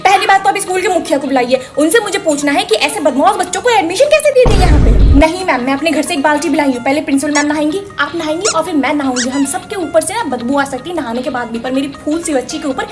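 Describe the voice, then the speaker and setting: Comedy skit: woman as an indignant middle-aged mom storming the school, high voice. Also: fast, hardly any pauses, music in the background, natural voice. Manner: indignant, shouting complaints. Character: furious overprotective mother, middle-aged woman.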